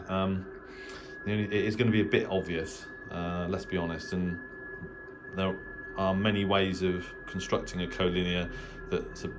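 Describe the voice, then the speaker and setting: Touring his home radio shack, a middle-aged amateur radio hobbyist with an English accent speaks in a low voice, casually and without a script. He comes across as hesitant and understated, rambling into trailing asides, against a noisy background.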